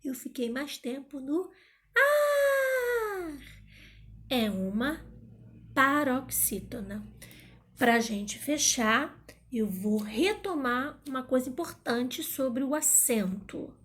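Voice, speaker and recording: A woman teaching a grammar lesson in a playful manner, sometimes calling out words loudly to find the stressed syllable. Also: high-pitched, takes it slowly.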